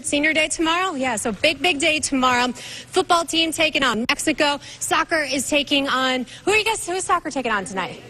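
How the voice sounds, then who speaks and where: Bright, high-voiced upbeat woman reporter. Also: slight background noise, low-quality recording. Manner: bubbly, upbeat, chatty. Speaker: field weather reporter. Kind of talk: live morning TV weather report. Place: outdoors at a school event.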